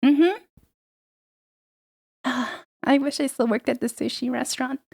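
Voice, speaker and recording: A woman's voice: high voice, fairly even intonation, measured pace, gravelly, a little mellow, no room sound, clean studio sound. A young woman streaming, chatting casually and rambling, laughing often and swearing freely. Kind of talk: casual livestream chat.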